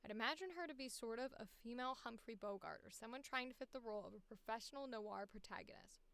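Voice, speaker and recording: A woman voice actor streaming auditions chats casually, reading casting calls aloud and musing to herself as she goes. Her voice is fairly high, fast and a bit bright, with a clean tone and no room sound.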